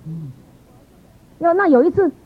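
A middle-aged woman giving a personal church testimony in a lively, exclamatory way with frequent laughter. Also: high voice, unhurried. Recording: tinny phone-like sound.

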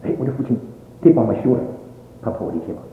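A male preacher tells his testimony with a lively, swooping voice that leaps up in emphatic bursts. The sound is thin and tinny like a phone line, with heavy echo and a long hall reverb behind it. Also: medium pitch, rapid-fire, slight background noise. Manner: animated, emphatic storytelling with rising outbursts. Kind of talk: sermon with personal testimony. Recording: tinny, echoey hall recording.

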